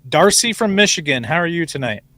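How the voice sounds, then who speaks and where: A man's voice: on the high side, expressive, a bit bright, no room sound. Man hosting a call-in show. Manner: brisk, takes calls. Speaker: host.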